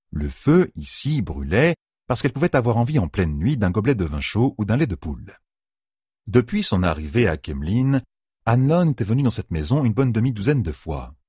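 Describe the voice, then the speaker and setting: A man reading a novel aloud as an audiobook narrator, with expressive rising and falling delivery. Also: lowish voice, slightly rough, no room sound, studio quality. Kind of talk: scripted narration.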